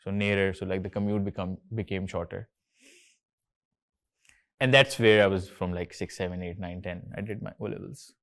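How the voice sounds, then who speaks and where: Man, Pakistani accent, 30s, host, casual and upbeat, code-switching, lowish pitch, clean resonant tone. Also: fairly even intonation, moderate pace, gravelly, pauses often, fairly bright tone. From Karachi, Pakistan. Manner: upbeat, chatty, switches between English and Urdu, frequent "like". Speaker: host, company co-founder. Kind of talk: casual conversational talk to students.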